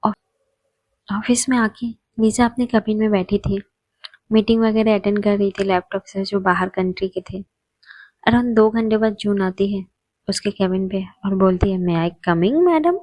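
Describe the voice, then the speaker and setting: A woman storyteller narrating a love story at a steady mid pitch. Her tone is plain and even. The recording is dry and close, with no room echo. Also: normal speed, pauses often.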